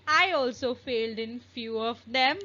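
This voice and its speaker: A woman, teaching tongue twisters slowly and carefully as a language lesson. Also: fairly high pitch, sharp tone. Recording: dull lo-fi recording.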